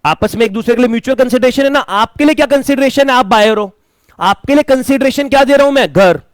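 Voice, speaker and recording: A man's voice: extremely high pitch, fast talker, no echo, studio quality. A man teaching a classroom lecture, asking students questions and mixing English terms into his talk. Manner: mixes Hindi with English terms.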